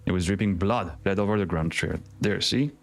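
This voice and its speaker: A man on a gaming livestream, chatting casually and playfully and reading the game's dialogue aloud, with sudden excited jumps. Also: sits low, fairly quick, gravelly. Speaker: streamer.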